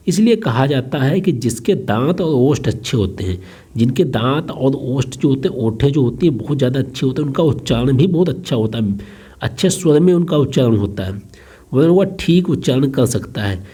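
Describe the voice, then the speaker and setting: A man's voice: medium pitch, dark tone, husky. A young man teaching an online exam-prep lesson, explaining each point twice and restarting phrases.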